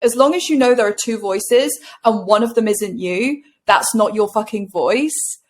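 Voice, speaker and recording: A woman coach in a casual interview, bubbly and animated, with a casual swear now and then. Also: medium pitch, normal speed. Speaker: guest coach.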